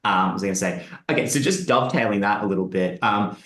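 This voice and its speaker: A man's voice: fairly low pitch, fast talker, fairly bright tone, roomy sound. A man interviewing a former client, explaining at length in a casual, rambling way and acting out quotes. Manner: rambling, fillers like "sort of things", acts out quotes.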